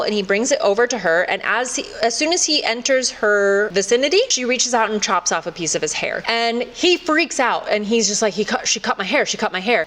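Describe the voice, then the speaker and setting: A woman's voice: on the high side, fairly bright tone. A woman hosting a casual horror movie recap, chatty and rambling with many fillers.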